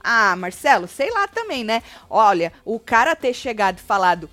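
A woman with a Brazilian accent co-hosting a casual web show, frank, slangy and animated as she gives her opinions. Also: on the high side, moderate pace. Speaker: web TV co-host commenting on a reality show. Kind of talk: casual chat commentary.

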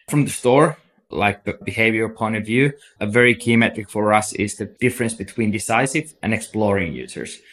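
A Finnish agency CEO, guesting on a podcast interview, explains business topics steadily and at length. His voice is somewhat low with a fairly bright tone and a Finnish accent, and he builds his points with frequent fillers like "like" and "so."

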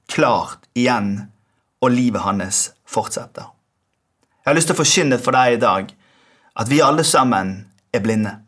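A man with a Norwegian accent preaching a sermon as pastor, in a measured way that trails off softly at the ends of phrases. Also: medium pitch.

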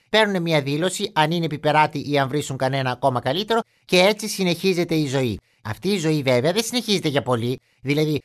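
Man playing a cranky old grandpa ranting. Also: a bit bright. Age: older. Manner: mock-indignant grumbling with big pitch swings. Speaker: comic monologue character. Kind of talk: comic rant monologue.

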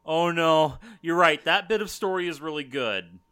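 A man co-hosting a casual podcast chat, blunt and animated, swearing freely. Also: on the high side, normal speed, smooth.

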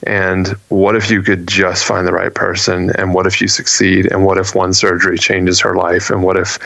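A man with a low voice tells a personal story in an earnest, animated way, often restarting his sentences. The sound is dry and close to the mic, with no room around it. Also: moderate pace, vocal fry, dry recording, poor audio. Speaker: guest. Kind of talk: storytelling in a casual interview.

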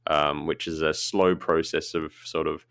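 A man's voice: rumbling low, flat delivery, unhurried, vocal fry, a bit bright, no echo, studio quality. A man hosting a podcast, chatting casually with frequent laughs and filler words. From Australia. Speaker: podcast host, knifemaker.

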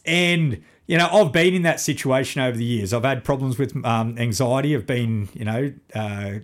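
A man's voice: medium pitch, moderate pace. Australian man, tradesman manner, blokey, slangy, sweary, casual podcast conversation. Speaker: podcaster and construction worker, guest. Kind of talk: casual chat.

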